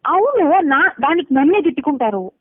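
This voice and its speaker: A woman's voice: high voice, sing-song, moderate pace, no room sound. A young woman arguing over a phone call, defensive and curt. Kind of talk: heated phone argument. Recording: tinny phone call with faint noise.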